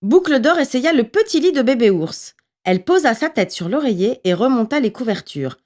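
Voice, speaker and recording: A woman narrating a children's story in an expressive, lively reading voice. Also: a little high, moderate pace.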